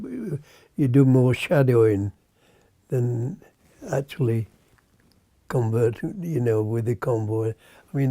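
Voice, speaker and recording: Very elderly man, British accent, old veteran remembering, very soft dark tone, halting, slow, dry close sound. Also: mid-range voice, no echo. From Britain. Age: 100. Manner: halting, searching for words, trailing off. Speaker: navy veteran.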